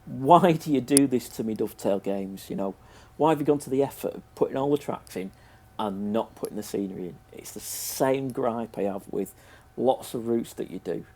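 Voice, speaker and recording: A man's voice: medium pitch, moderate pace, warm tone. A British man with a sniffly, congested cold, giving a casual, hesitant, unscripted review as a presenter. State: has a cold. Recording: noticeable background noise.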